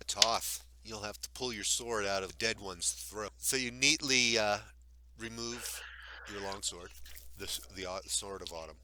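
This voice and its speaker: A man's voice: fairly low pitch, measured pace. A man narrating as game master in a live tabletop game, describing combat with easy humor. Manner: relaxed, laughing, describing combat.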